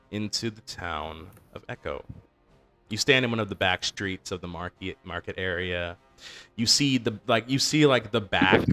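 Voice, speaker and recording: Young guy dm narrating, kinda rambly, lots of likes and ums, low voice. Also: fairly bright tone. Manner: rambling, with many fillers and restarts. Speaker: game master. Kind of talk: narrating a tabletop game.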